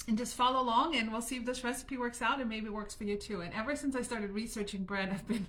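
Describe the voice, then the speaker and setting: A woman's voice: on the high side, steady tone, quick pace, fairly bright tone, slight background noise. A woman from Germany chatting through a live home baking session in her kitchen, laughing often and talking straight to viewers. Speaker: home cooking livestream host. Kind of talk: casual live cooking chat.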